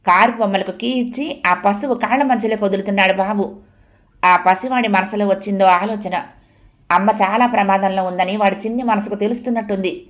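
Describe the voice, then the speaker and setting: A woman reading a novel aloud as dramatic, expressive audiobook narration. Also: mid-range voice, brisk.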